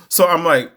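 A young adult man telling a personal story in a casual, animated way, rambling and restarting his sentences as he goes. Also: a little high. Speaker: storyteller recounting a movie outing.

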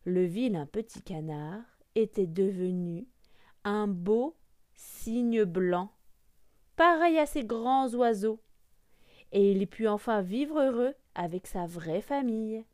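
Woman storyteller, lively swinging pitch, dry close sound. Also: measured pace, dry recording. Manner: lively, expressive, soft hushes. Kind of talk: children's story reading.

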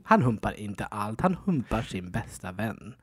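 A man co-hosting a podcast at home, chatting casually, animated and defensive, laughing often. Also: fairly low pitch, husky. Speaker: podcast co-host. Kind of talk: casual chat. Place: at home, dog in the room.

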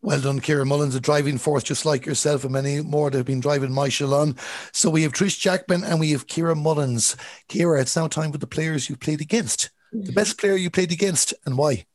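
A man's voice: on the high side, a little fast, a little mellow, dry recording. A man from Galway with a west of Ireland accent, hosting a conversational sports interview.

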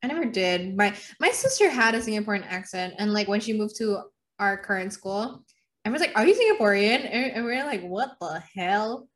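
A woman's voice: medium pitch, expressive, fairly quick, a bit bright. A teenage girl from Indonesia in casual chat, blunt and teasing. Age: teens.

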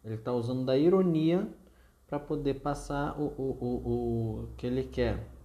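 A man's voice: mid-range voice, unhurried, warm tone, echoey room. A man with a Brazilian Portuguese accent teaching an online literature lesson, chatty and digressive, often correcting himself mid-sentence. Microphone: video call.

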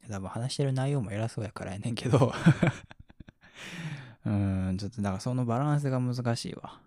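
A man hosts a relaxed sleep radio program late at night, speaking Kansai Japanese as he reads listener comments in a soft, slightly slurred mumble with quiet chuckles and near-whispers. He talks briskly in a mid-range voice. The studio sound is clean, with no room sound.

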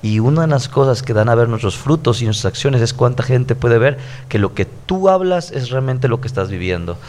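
A man's voice: mid-range voice, animated, fairly quick, darkish tone, a little hiss or hum. A man in his thirties with a Mexican accent, a pastor who preaches conversationally on a podcast and repeats his points earnestly. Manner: earnest, preachy, stacked repetitions.

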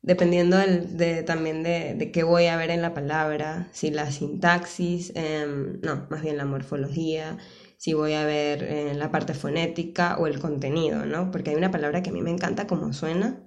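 A woman's voice: deep voice, level tone, moderate pace, darkish tone. A young Venezuelan woman, a comedian guesting on a podcast, chatting easily and laughing often. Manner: laughing, easygoing. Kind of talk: casual chat.

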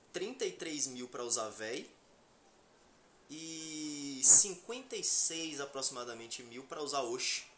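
A man's voice: mid-range voice, bright, forceful tone, slight background noise. A man with a Brazilian Portuguese accent from Salvador in Bahia, chatting casually on a comedic podcast, joking in heavy slang and swearing freely. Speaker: podcast host.

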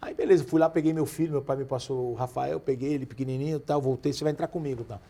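Speaking very fast in a mid-range voice, a man from Brazil in his forties swaps anecdotes on a podcast. He's lively and casual, slipping into the voices of the characters he quotes.

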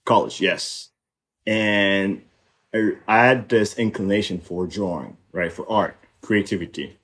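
A young man who grew up in Haiti speaks in a low, fairly deep voice. He talks reflectively, pausing on fillers and restarting his sentences, in a relaxed podcast conversation. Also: breathy edge. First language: French and Haitian Creole. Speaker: podcast guest. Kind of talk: casual conversation.

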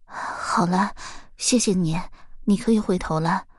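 A woman voicing a young mother in the woods, speaking weakly and hoarsely in a storybook tale. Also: on the low side, measured pace, no room sound, studio quality. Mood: gentle, weak. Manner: hoarse, pleading, weak.

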